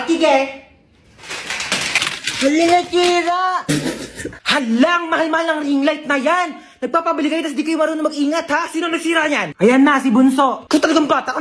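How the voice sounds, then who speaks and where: A woman's voice: sits high, a little hiss or hum. A young Filipino woman acting out comic family skits, exclaiming and bickering as she switches between roles. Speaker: comedy skit creator.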